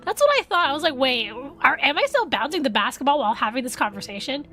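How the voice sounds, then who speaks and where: Animated, high-pitched woman streamer. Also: fast, soft background music. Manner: animated, excitable reactions. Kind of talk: live game stream, reading story text aloud and reacting.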